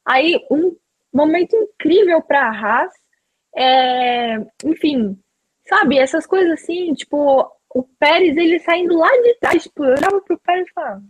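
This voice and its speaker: A woman's voice: high-pitched, animated, a little slow, no echo, poor audio. A woman hosting a casual chat, rambling with lots of fillers and enthusiasm.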